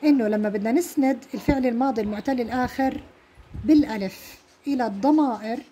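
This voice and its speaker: A woman's voice: fairly high pitch, quick pace, warm tone, a little hiss or hum. A woman with a Levantine Arabic accent teaching a grammar lesson. She explains step by step and keeps checking that students follow.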